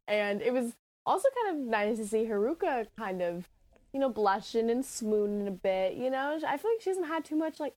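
A woman's voice: on the high side, animated, normal speed, a little mellow, dry recording. A young woman co-hosting a podcast, chatting casually and agreeably with frequent giggles. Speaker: podcast co-host. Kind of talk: casual chat.

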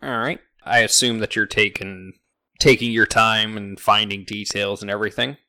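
A man's voice: lowish voice, steady tone, normal speed, pushed and bright, no room sound. A man narrating as game master in a tabletop role-playing game, laid-back and conversational.

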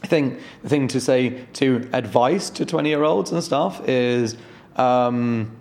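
A man's voice: medium pitch, takes it slowly, darkish tone. A man, a startup founder in a casual interview, talking candidly and swearing freely. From London.

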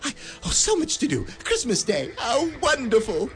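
An actor playing Scrooge, an elderly miser turned giddy and generous, laughing and lively in a radio play. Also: male voice, very high voice, moderate pace, exaggerated voice. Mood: joyful. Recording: studio radio drama with faint music.

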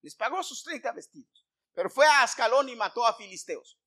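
A man preaching a sermon, retelling a Bible story in a lively way and putting questions to his listeners. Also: very high-pitched, a little fast. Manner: animated, asks the listeners questions.

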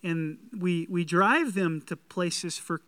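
A flustered modern homeowner, played by a man proudly explains things. The voice is high and crisp, halting and eager, in a sermon skit. It is recorded dry. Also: pushed and bright, no echo, heavily acted.

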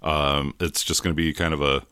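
A man's voice: rumbling low, level tone, normal speed, sharp tone, clear, resonant tone, no room sound, studio quality. A man co-hosting a casual food-tasting show, joking in a mock-formal way and talking with his mouth full. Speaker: co-host.

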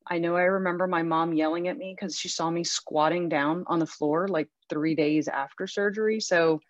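A woman's voice: lowish voice, steady tone, normal speed, no echo. A woman in her forties from Western Pennsylvania, a guest telling her story in a chatty, self-deprecating way. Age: 40s. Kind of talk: casual interview. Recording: muffled, dull sound.

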